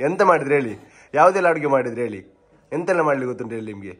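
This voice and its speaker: A young man, teasing his family with rapid questions in a playful vlog chat. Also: medium pitch, expressive, fairly bright tone, slightly rough. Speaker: vlogger interviewing family members.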